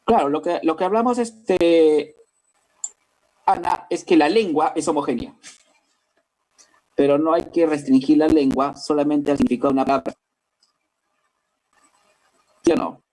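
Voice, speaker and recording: On a low-quality recording, a slightly high, mellow male voice delivers a language lesson in Lima-accented Peruvian Spanish. He is from Peru, moves at a moderate pace with long pauses, and breaks everything into steps while frequently asking if students follow.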